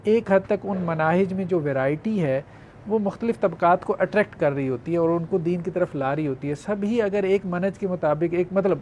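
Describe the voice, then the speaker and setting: A man giving measured, conciliatory views in a panel discussion. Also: sits high, a little mellow, slight background noise. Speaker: discussion participant.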